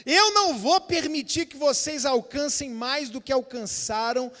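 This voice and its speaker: A man voicing a menacing male demon who guards a door, speaking slowly and sternly. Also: very high-pitched, a bit bright, long reverb tail. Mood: threatening.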